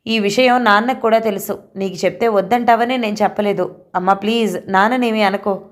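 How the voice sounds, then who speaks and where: A woman's voice: medium pitch, steady tone, a little fast, close to an everyday voice. A woman voicing a distressed young woman, a daughter who talks in a pleading, tearful way, in an audio novel.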